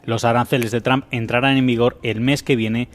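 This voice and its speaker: A man with an ordinary mid-range voice reads a news report. His delivery is steady and formal. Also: medium pitch, moderate pace. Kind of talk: news narration.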